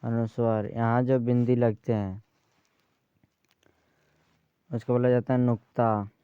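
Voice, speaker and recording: A man teaching a grammar lesson, speaking slowly and repeating key terms for his students. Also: mid-range voice, little pitch movement, clear, resonant tone, no room sound, phone-quality sound. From Bihar, India.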